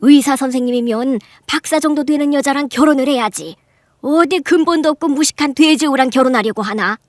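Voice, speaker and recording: A voice actress playing a rude, scornful middle-aged aunt in a radio drama, sneering and loud with high, incredulous outbursts. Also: female voice, brisk, dry recording, clean studio sound, close to an everyday voice. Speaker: voice actor. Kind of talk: Korean radio drama acting.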